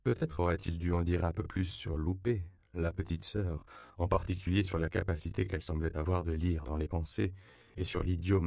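A man narrating an audiobook with a very deep, gravelly voice. His reading is even and measured, smooth and resonant, recorded close and dry. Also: dry recording.

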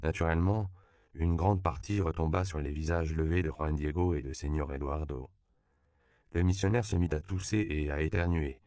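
A man reads an audiobook in a calm, measured way. His voice is very low and gravelly, with a dark, smooth tone. The recording is close and dry. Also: no room sound. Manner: measured, even storytelling. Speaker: narrator. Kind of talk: audiobook narration.

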